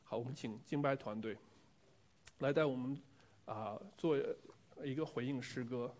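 A man's voice: mid-range voice, moderate pace, a little mellow. Male preacher, mid-range voice, earnest and reflective, delivering a sermon with personal testimony and direct questions to the congregation.

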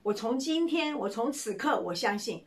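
A woman acting out an anxious young man from a church story, voiced high and swooping. He pleads and repeats himself insistently. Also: lively intonation, moderate pace, close to an everyday voice. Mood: overjoyed.

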